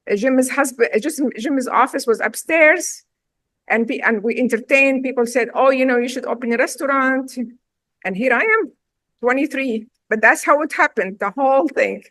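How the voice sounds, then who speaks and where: A woman's voice: fairly high pitch, fairly bright tone, dry recording. A middle-aged woman from Syria with a Syrian accent, a chef and restaurant owner telling her story in a casual interview, emphatic and direct.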